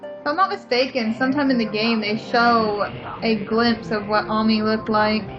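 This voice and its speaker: A woman with a fairly high pitch, fairly even intonation, and moderate pace offers casual let's play commentary, blunt, opinionated, and full of swearing. Her mic is dull and lo-fi, and game music is clearly audible behind her.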